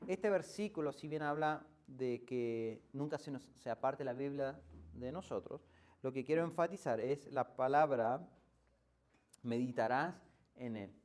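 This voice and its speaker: A man's voice: mid-range voice, moderate pace, a little mellow. A male pastor with an Argentine accent preaching a sermon in a conversational way, often asking the congregation rhetorical questions and restarting phrases as he explains. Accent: Argentine Spanish. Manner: hesitant restarts while explaining. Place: church.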